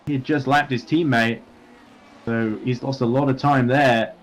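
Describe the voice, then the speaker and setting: A man's voice: mid-range voice, steady tone, measured pace. A man giving live commentary on a sim race, working through gaps and strategy with frequent fillers.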